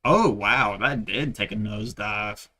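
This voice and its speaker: Hosting a live stream, this man from Texas chats loosely and wanders from story to aside. He speaks at a measured pace in a lowish voice that sounds pushed and bright.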